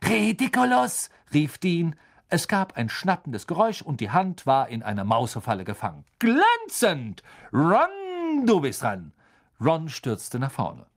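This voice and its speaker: Casting: male storyteller, lively and dramatic, with a melodic, wide-ranging pitch in scripted narration. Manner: expressive, dramatic reading with many voice shifts. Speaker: audiobook narrator.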